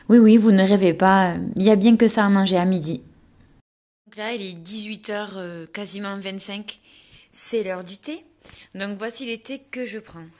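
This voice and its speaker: A woman chatting casually to camera about her day, relaxed and full of fillers. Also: medium pitch. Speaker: vlogger preparing for a fitness competition. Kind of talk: casual vlog narration.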